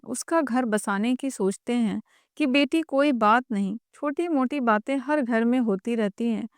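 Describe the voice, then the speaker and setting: A woman's voice: a little high, clean tone, no room sound, clean studio sound, lightly acted. Woman playing an indignant, overworked young wife. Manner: indignant, raised voice.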